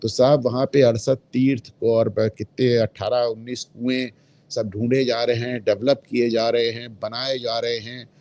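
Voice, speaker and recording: A man's voice: medium pitch, level tone, normal speed, darkish tone. A man speaking as a guest in a political discussion, emphatic and opinionated, dropping English phrases into his talk. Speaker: guest commentator.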